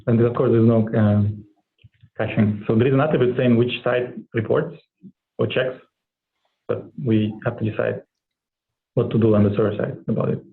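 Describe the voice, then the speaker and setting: A man's voice: medium pitch, fairly even intonation, moderate pace, vocal fry, long pauses. A man gives a short, matter-of-fact progress report on an engineering meeting call, with a few um fillers. His voice comes through thin and phone-like. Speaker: engineer giving a status update. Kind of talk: technical working-group call. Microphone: online meeting call. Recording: tinny phone-like call audio.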